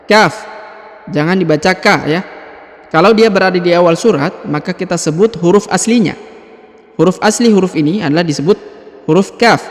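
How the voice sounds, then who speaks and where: Male recitation teacher, high pitch, patient and methodical, long echo on the room. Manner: patient, explains slowly, ends phrases with "ya"; draws out letter names in chanted recitation. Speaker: Quran reading teacher. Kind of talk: step-by-step recitation lesson.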